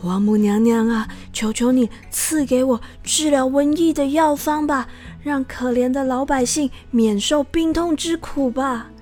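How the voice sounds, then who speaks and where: A woman's voice: high-pitched, measured pace, a little mellow, faint music behind. A woman voicing a male healer of legend, speaking in a firm, earnest way. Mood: pleading.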